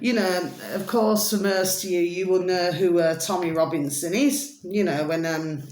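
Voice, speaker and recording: A woman's voice: fairly low pitch, fairly even intonation, moderate pace, darkish tone. A middle-aged woman with a broad Scottish accent, rambling casually to her viewers with repeated affectionate catchphrases. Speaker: video blogger. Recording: echoey room.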